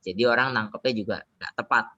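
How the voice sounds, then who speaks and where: A man's voice: lowish voice, quick pace, sharp tone. A man with an Indonesian accent in a study group, hesitantly searching for his words. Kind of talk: casual discussion. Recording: dull online call audio with faint noise.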